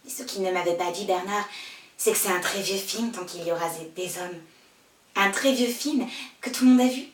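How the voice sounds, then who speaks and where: A woman performing a theatrical monologue, wistful and storytelling, swinging between hushed lines and loud pleading ones. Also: medium pitch, moderate pace, distant mic. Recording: echoey room, voice from afar.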